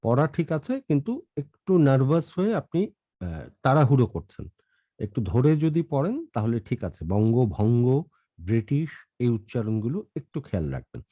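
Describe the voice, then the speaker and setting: Patient male reading teacher, dark mellow voice. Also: mid-range voice, huge pitch swings, normal speed, dry recording, dull audio. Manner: patient, corrects pronunciation word by word. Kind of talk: online class coaching.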